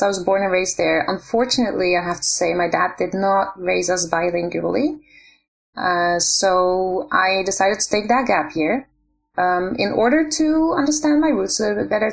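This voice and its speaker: A woman from the Netherlands, a guest on a podcast interview, speaking thoughtfully and steadily with soft fillers. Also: mid-range voice, gravelly. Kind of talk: casual interview chat.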